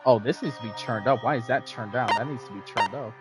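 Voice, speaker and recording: A man's voice: mid-range voice, quick pace. A man streaming a game, casually commenting and reading aloud as he plays. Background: faint game music.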